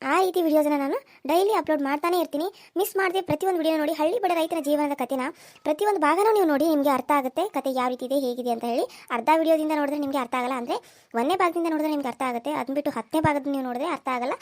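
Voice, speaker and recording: A woman's voice: high-pitched, racing. A woman hosting a cartoon story channel, chatting to viewers and asking them to subscribe. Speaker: channel host. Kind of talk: channel intro.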